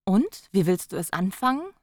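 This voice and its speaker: A man's voice: sits high, sing-song, moderate pace, darkish tone, no room sound, studio quality, pitched above the performer's own voice. A male audiobook narrator voicing a frank young woman on the phone, speaking in a teasing, wry manner. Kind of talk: audiobook character voice.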